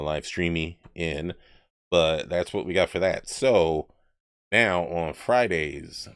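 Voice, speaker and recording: Low-voiced rambling man on a livestream. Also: smooth, no echo, clean studio sound. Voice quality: rambling, joking, self-mocking. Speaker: podcast co-host. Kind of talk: casual livestream chat.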